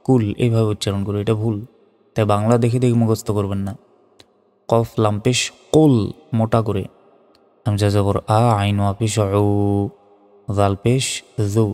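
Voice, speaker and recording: A man teaching Quran recitation letter by letter, moving between slow chanted recitation and plain spoken explanation. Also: on the low side, dark tone. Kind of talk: spelled-out recitation lesson. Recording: long reverb.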